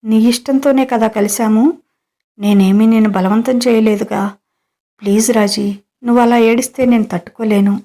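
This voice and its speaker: Figure: a woman reading as a doting middle-aged employer. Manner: pleading, coaxing. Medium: audio story. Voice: mellow and flat. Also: fairly high pitch, moderate pace, lightly acted.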